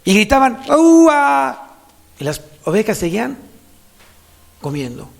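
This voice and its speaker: A man with a Mexican Spanish accent preaching as a pastor in a church, animated, repeating phrases for emphasis. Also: high voice, moderate pace. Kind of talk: sermon.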